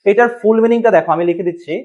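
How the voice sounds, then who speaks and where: At a board, a high-voiced man races through a biology class lesson, asking his students questions, answering them himself, and spelling terms out letter by letter. The recording sounds dull and lo-fi.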